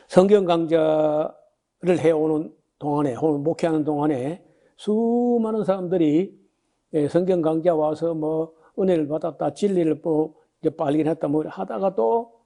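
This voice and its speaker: A man's voice: fairly high pitch, mellow. A man in his sixties, a pastor giving a Bible lecture, talking in a conversational way with many fillers and rhetorical questions, and reading scripture aloud before he explains it. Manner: reads scripture passages aloud then explains. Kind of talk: sermon-style Bible lecture.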